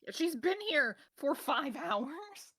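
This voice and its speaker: A woman's voice: sits high, very animated, slow pace, a bit bright, no echo, studio quality. A woman playing a tabletop role-playing game, speaking casually and jokingly with many fillers. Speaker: player. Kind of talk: tabletop role-play, in and out of character.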